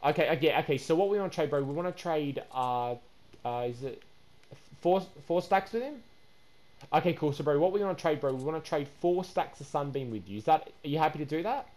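A man hosting a game video, excitable and chatty, slipping into shrill indignation when he feels cheated. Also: fairly quick. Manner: excitable, repeats "guys" and "bro", turns shrill and indignant. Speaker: gaming YouTuber host. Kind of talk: gaming commentary with voice chat.

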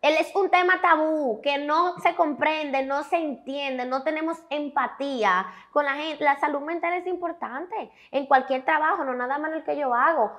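A young woman with a Dominican accent talks in a high, bright register. She tells her story emphatically and candidly, with lively swings in her delivery. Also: moderate pace, few pauses. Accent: Dominican Spanish. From Dominican Republic. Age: young adult. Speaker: guest. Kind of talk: candid interview talk.

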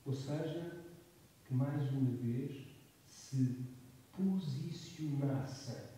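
A man's voice: medium pitch, very slow, mellow, slight background noise. A man with a European Portuguese accent giving an academic lecture, emphatic and full of rhetorical tag questions. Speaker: guest lecturer. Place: lecture hall. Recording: echoey hall, distant mic.

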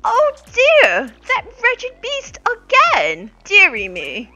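Man doing a high, swooping genteel older lady. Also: wildly swooping pitch, bright, forceful tone, soft background music, full character voice. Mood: dismayed. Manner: prim, dramatic, drawn-out delivery. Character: genteel, fretful older lady companion in a game.

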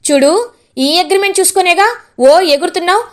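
A woman's voice: very high voice, brisk, voice pushed up. A woman voicing a fierce, confrontational young wife in a retold serial. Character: tough blunt young wife.

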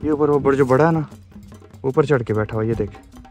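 Soft music plays behind a travel vlogger in his twenties with a Pakistani accent, who talks to camera out on the streets and in gardens. His mid-range voice is brisk with a darkish tone, picked up by an action camera held at arm's length. He keeps it casual and talkative, addressing his audience as "brother."

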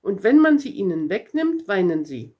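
A woman voicing the little prince, a gentle, curious boy, asking earnest questions in a storybook read-aloud. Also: mid-range voice, sing-song, normal speed, husky, lo-fi sound.

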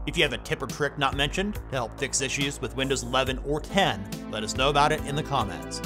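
A man's voice: mid-range voice, quick pace, music in the background. Man narrating a step-by-step tech tutorial. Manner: steady step-by-step instructing. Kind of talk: scripted screen-recording voice-over.

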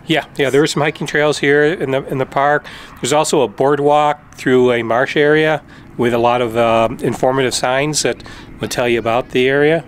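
A middle-aged man casually talking outdoors on a travel vlog, filmed with a camera at arm's length, relaxed and informative with a few fillers. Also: medium pitch, moderate pace, slight background noise. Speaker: travel vlogger. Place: outdoors by a desert lake and campground. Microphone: camera held at arm's length.

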